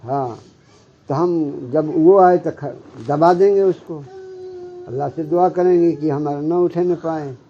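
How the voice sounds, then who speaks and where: A man giving a devotional sermon as a Sufi spiritual guide, often stopping to check with his listeners and slowly reciting Arabic scripture. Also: on the high side, slight background noise. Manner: keeps checking with listeners, "hmm?". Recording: muffled lo-fi recording.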